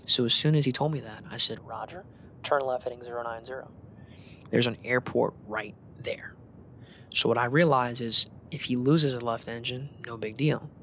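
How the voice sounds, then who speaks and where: In a mid-range voice at normal speed, a man who works in air traffic control chats casually in an interview. His storytelling is lively and slangy, and he acts out radio exchanges as quoted dialogue.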